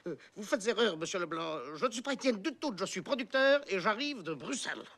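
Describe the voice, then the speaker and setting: A man's voice: sits high, sing-song, fairly quick, a bit bright, slight background noise, exaggerated voice. An actor playing a man who fakes a Belgian accent as a clumsy film producer on the phone, hesitant and overly formal. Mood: pompous. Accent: fake Belgian.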